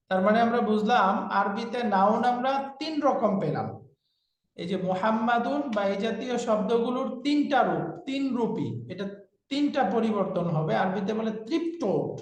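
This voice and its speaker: A man teaching an online class, patiently repeating each term for students to echo. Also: very high-pitched. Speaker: Arabic grammar teacher. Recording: very echoey room.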